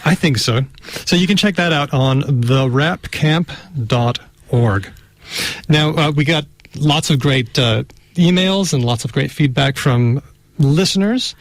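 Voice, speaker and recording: A man with a mid-range voice hosting a casual radio talk show. He talks in a relaxed, chatty way with frequent fillers. The sound is dry and close to the mic. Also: medium pitch, measured pace, no room sound. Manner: relaxed, chatty, many "uh" fillers, reads items aloud.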